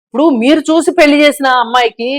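A woman guest on a talk show, giving her opinions forcefully and pressing her point with rhetorical questions. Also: high voice, racing, no room sound. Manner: emphatic, argues with rhetorical questions. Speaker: social commentator guest.

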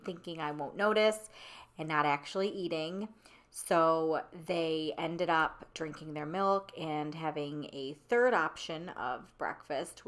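A woman's voice: deep voice, a bit bright. A young woman narrating her family morning routine as a voice-over, in a chatty, relatable mom tone. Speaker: stay-at-home mom vlogger.

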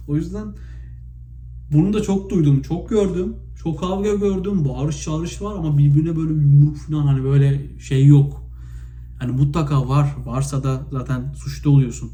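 A man from Turkey talks to his viewers in a loose, spontaneous vlog monologue, piling up fillers and acting out stories with sudden animated bursts. His voice is very dark and mellow but pitched slightly high. The room is echoey, with a faint hiss of noise behind him. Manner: chatty, animated retelling with many fillers. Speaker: vlogger.

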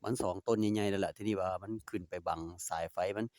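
A man's voice: fairly low pitch, steady tone, fast, a little mellow, dry recording. A man with an Isan accent, chatting casually and politely while doing DIY work in his yard. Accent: Isan (Northeastern Thai). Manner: easygoing, chatty, polite particles, talks to his dogs. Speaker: DIY vlogger. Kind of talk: casual narration while working outdoors. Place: outdoor home yard.

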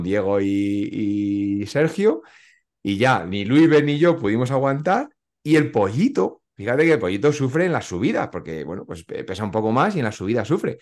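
A man with a Spain Spanish accent recounting a group ride in casual chat, full of fillers and "macho". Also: on the low side. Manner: storytelling with hesitant fillers, says "macho".

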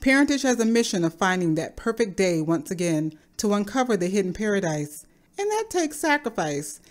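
A woman giving a scripted, explanatory narration in a measured, speculative manner. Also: mid-range voice, big pitch swings. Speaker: video creator narrating a game theory.

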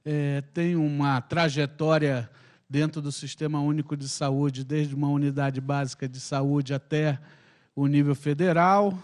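High-voiced man introducing himself. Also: fairly even intonation, a little mellow. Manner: halting, restarts words, thanks the organizers. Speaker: public health professor. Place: large meeting room. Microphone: handheld microphone.

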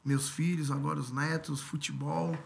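A man in his fifties from Brazil, a former footballer and coach, telling stories in a relaxed way as a podcast guest on a studio mic. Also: a little high, moderate pace, creaky. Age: 50s. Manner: relaxed storytelling with many tag questions. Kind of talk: casual interview. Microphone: studio mic on stand.

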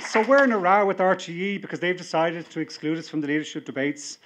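The Irish party leader, middle-aged, delivers his stirring convention address at a podium mic before a seated crowd in a big indoor hall. His voice sits high and moves quickly, rising to forceful appeals over a noisy background.

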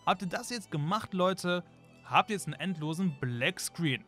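Young guy talking viewers thru a game glitch, bit high voice, chatty, faint music under it. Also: lively intonation, moderate pace, a bit bright. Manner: chatty, keeps addressing viewers as "Leute". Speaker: gaming YouTuber. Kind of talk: game tutorial voice-over.

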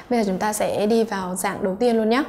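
A woman's voice: medium pitch, warm tone, slight background noise. A woman English teacher, patiently going through exam answers and checking in with her students.

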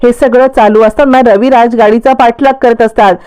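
High, smooth-voiced woman recapping a serial. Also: fairly even intonation, moderate pace, darkish tone. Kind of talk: casual plot recap narration.

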